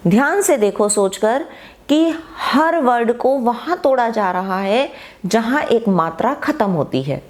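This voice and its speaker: Slow, lively Indian woman teaching. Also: on the high side. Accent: Hindi. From northern India. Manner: drawn-out, syllable-by-syllable spelling. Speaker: English teacher. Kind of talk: slow spoken lesson.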